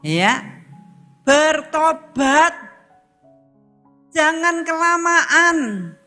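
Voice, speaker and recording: Bright, high-voiced woman preacher, lilt. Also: animated, extremely slow, soft background music. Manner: emphatic, repeats phrases, talks straight to the congregation. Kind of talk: sermon.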